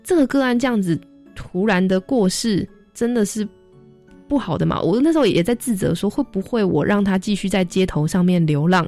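Soft music plays in the background as this young social worker speaks at a brisk pace in a mid-range voice. She's a vivid storyteller on the radio, performing the voices of everyone she quotes.

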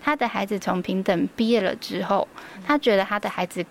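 A woman's voice: mid-range voice, fairly quick. A woman with a Taiwanese Mandarin accent, a preschool teacher guest on a radio interview, telling stories earnestly with many fillers.

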